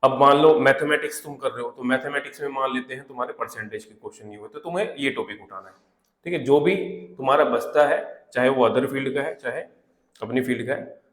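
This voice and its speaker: A man's voice: medium pitch, fairly bright tone. A man giving exam preparation tips in a casual, conversational way, often adding little check-in fillers. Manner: conversational, repeats fillers like "theek hai" and "hai na"; reads English notes aloud slowly, word by word. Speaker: exam prep teacher. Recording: echoey room.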